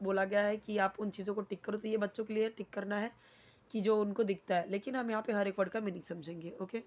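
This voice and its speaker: A woman teacher walks slowly through each word, repeating it and giving its meaning. She answers her own questions as she goes. The audio is a little dull and lo-fi. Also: mid-range voice. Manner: mixes Hindi and English, asks and answers her own questions. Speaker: English teacher. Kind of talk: explaining English words in Hindi.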